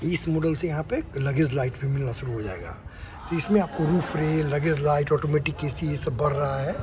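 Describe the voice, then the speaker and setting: A man gives a car walkaround review and reels off one feature after another, often checking in with the viewer. His voice sits a little high. The recording is noisy, with clear sounds around him. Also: normal speed. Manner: lists features, checks in with tag questions.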